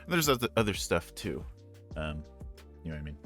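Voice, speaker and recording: Deep-voiced man chatting candidly on stream. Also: sing-song, brisk, a bit bright, soft background music. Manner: candid, earnest, rambling with frequent asides. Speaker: streamer and ASMR voice actor. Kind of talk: casual live-stream Q&A.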